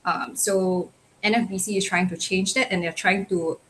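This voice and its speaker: A woman's voice: mid-range voice, steady tone, moderate pace, a bit bright, slight background noise, poor audio. A woman speaking on a livestream in a casual, hesitant way with many fillers. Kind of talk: livestream chat.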